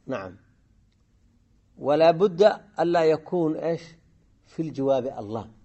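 A man teaching a grammar lesson, often pausing to quiz his students and repeating key phrases. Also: on the high side, lively intonation, warm tone, lo-fi sound. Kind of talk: classroom lesson explaining a grammar poem.

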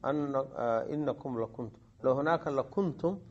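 A man teaching a grammar lesson, often pausing to quiz his students and repeating key phrases. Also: mid-range voice, highs cut off. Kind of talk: classroom lesson explaining a grammar poem.

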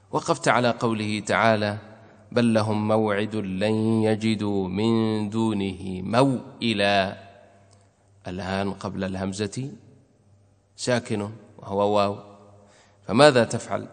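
Man teaching recitation rules in a long-echo hall. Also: mid-range voice. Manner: recites verses slowly, then explains with repeated examples; asks questions then answers them himself. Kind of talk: explaining a didactic poem line by line.

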